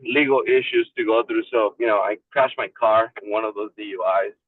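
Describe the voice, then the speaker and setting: Here a man from Mexico, part of a support group, recounts his own story in a frank, easygoing way from behind the wheel. The call runs through his car speakerphone: a tinny line, a distant mic, and an otherwise dry recording. His voice sits lowish and steady, with a brisk delivery.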